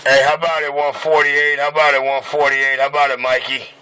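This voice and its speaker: A man's voice: a little high, level tone, fast talker. A man chatting and calling out over a CB radio channel, his transmission off frequency, joking and rambling between calls. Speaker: CB radio operator. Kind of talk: casual CB radio banter. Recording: heavy static over CB radio.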